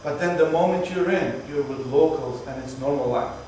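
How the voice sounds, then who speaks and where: A man's voice: on the high side, moderate pace, darkish tone. A man talks a tour group through the sights, explaining things patiently and joking along the way. His voice is distant and echoey, picked up on a moving bus with faint road noise behind him. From Palestinian, from Jerusalem. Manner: chatty, explaining patiently with jokes. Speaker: tour guide. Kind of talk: guided tour talk to a group.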